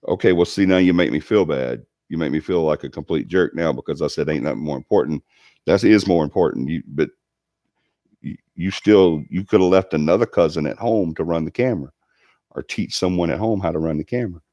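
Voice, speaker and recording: A man's voice: deep voice, brisk, a little mellow, dry recording. A man, hosting a paranormal livestream and chatting casually with lots of ums and restarts. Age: 40s. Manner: rambling, with many ums and restarts. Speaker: paranormal show host reading live chat.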